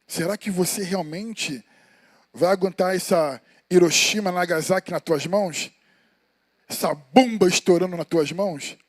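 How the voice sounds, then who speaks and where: High-voiced Brazilian preacher telling stories. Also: male voice, measured pace, no echo, studio quality. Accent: Brazilian Portuguese. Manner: colloquial, storytelling, addresses listeners as brothers. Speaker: evangelist preaching. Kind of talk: informal sermon with personal stories. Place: church sanctuary.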